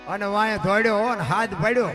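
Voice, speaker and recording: A man's voice: high voice, brisk, over music. A man telling a folk story in a sermon, acting out villagers' voices. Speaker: storyteller preacher.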